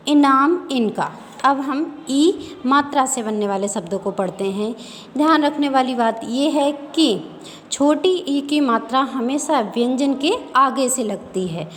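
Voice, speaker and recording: A woman teaching a reading lesson to young children, sounding out syllables slowly and repeating each word. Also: on the high side. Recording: faint background noise, long reverb.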